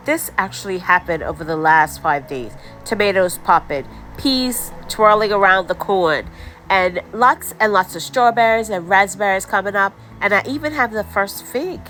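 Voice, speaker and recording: A woman's voice: mid-range voice, a bit bright. A woman vlogging casually as she tastes her baking, chatty and prone to fillers and trailing off. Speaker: homesteading vlogger. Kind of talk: casual cooking vlog.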